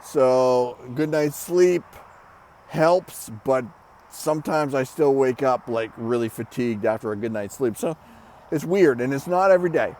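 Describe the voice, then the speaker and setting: A middle-aged man speaks casually at a medium pitch in a rambling vlog update. He is short of breath, breathing shallowly and pausing between short phrases, with light outdoor traffic noise behind him. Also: darkish tone. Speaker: vlogger giving a personal health update. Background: birds, traffic and motorcycles.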